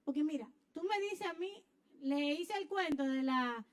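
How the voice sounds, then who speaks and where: A woman preaching a sermon, telling a personal story with lively acted-out scenes and sudden shouts. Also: high voice, measured pace. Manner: animated storyteller, acts out scenes, bursts into shouts. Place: church.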